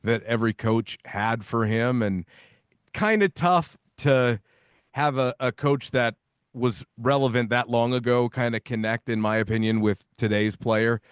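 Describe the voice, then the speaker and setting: A man, a guest analyst on a sports podcast, giving his opinions in an emphatic way, his pitch rising when he presses a point. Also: measured pace, clear, resonant tone, no echo, studio quality. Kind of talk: casual sports podcast chat.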